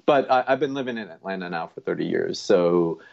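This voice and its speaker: A man's voice: deep voice, expressive, brisk, creaky, dull audio. A man in his fifties, originally from Colombia, chatting casually as a podcast guest, often laughing and repeating words. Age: 50s. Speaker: guest dietitian.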